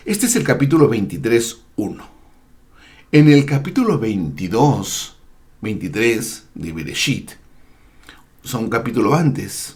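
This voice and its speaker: A man teaching a slow, deliberate lesson on Torah, spelling out Hebrew words and letters with frequent hesitations. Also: mid-range voice, a little mellow. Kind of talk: slow explanatory Bible lesson.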